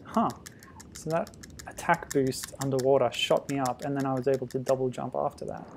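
A man casually commenting on a retro game as he plays, thinking aloud with sudden loud exclamations. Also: medium pitch, fairly even intonation, a little fast, creaky, a little hiss or hum. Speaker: streamer.

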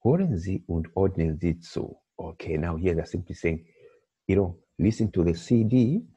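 A man's voice: low-pitched, lively intonation, moderate pace, warm tone, breathy edge. A man teaching a language lesson from a textbook, patiently explaining and checking in with "okay?" after each point. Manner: patient, repeats "okay?" often, rising checks. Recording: dull lo-fi recording.

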